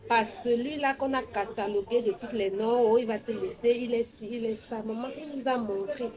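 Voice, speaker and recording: A woman's voice: on the high side, moderate pace, crowd noise. A pregnant, newly married woman talking proudly and defiantly in casual chat.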